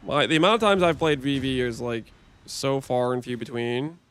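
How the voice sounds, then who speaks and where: A man's voice: medium pitch, normal speed, a bit bright, clear, resonant tone. A man on a livestream headset mic, chatting and joking as he thinks aloud through gameplay commentary.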